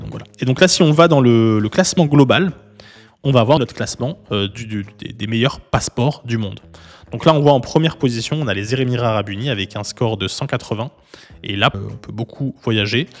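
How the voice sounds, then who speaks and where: A man hosting a casual explainer video, talking viewers through a website in a relaxed, chatty way with frequent fillers and restarts. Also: medium pitch, in a large hall. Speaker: YouTube host, legal consultant. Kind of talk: casual explainer with screen walkthrough.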